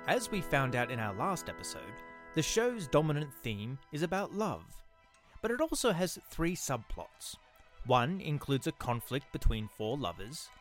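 Male podcast presenter, scripted narration, mid-range voice with lively intonation, music underneath. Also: mid-range voice. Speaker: podcast host.

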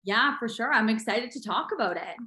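A woman's voice: on the high side, animated, brisk, sharp tone. A young woman guest in a casual interview, upbeat and chatty, filling her sentences with "like". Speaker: guest, fitness studio owner.

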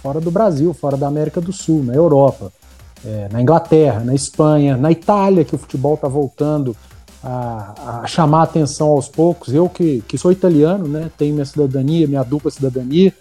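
A man's voice: on the high side, brisk, warm tone, faint music behind. A man from chatting casually as a sports journalist on a podcast. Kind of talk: casual chat.

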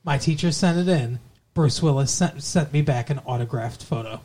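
A man's voice: medium pitch, moderate pace, dark tone, slight background noise. A man co-hosting a podcast in casual chat, goofy and rambling, swearing freely. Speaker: podcast co-host.

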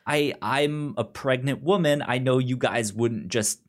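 On a podcast, a male co-host talks through a movie in a relaxed way, his medium-pitched voice running a little slow. Stammers and repeated words are frequent, and he throws himself into performing the characters' dialogue.

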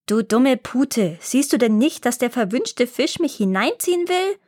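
A woman voicing a grumpy little old male dwarf in a storybook reading, snapping insults and shouting. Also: on the high side, moderate pace, lightly acted. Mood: furious, shouting.

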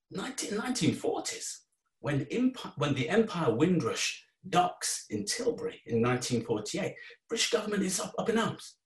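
A man giving an informal, earnest talk, conversational and prone to asides and restarts. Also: medium pitch. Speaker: speaker giving a talk on faith and immigration. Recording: roomy sound from a distant mic.

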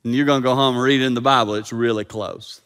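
A man preaching a sermon as pastor, swinging from loud dramatic peaks to hushed quiet. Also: medium pitch, steady tone, quick pace, smooth. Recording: long reverb of a hall.

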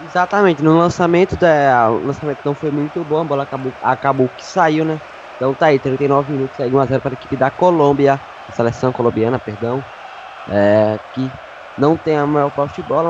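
A man's voice: medium pitch, fairly quick. A Brazilian man giving match analysis as the second voice on a radio football broadcast. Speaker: football commentary sidekick. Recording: dull lo-fi audio, faint background noise.

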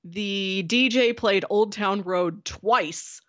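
A woman's voice: mid-range voice, drawn-out words, muffled recording. A young adult woman co-hosting a podcast, telling a long story in casual chat and filling it with "like". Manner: chatty storytelling with frequent "like". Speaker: podcast co-host.

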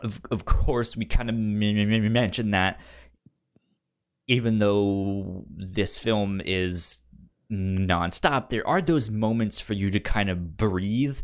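A podcast co-host with a lowish voice talks slowly in a casual film discussion, stammering and repeating syllables and words as he goes.

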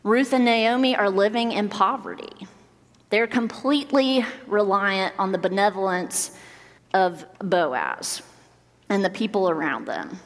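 A woman's voice: mid-range voice, animated, measured pace. Young lady preacher, jokey and chatty, big church echo. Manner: playful, joking asides. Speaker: minister of students and young adults. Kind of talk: conversational sermon. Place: large church sanctuary. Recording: long hall reverb.

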